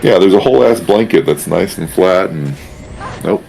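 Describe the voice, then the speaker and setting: A man's voice: low voice, lively intonation, moderate pace, gravelly, a little mellow, soft background music. A man streaming a game and chatting casually, cracking crude jokes and laughing easily. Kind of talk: casual chat while gaming.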